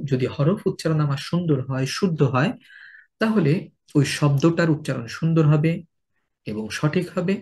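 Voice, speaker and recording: A man with a Bangladeshi Bengali accent, teaching a tajweed lesson. He repeats letter sounds slowly and contrasts correct and wrong pronunciations. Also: a little high, darkish tone. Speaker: Quran recitation teacher.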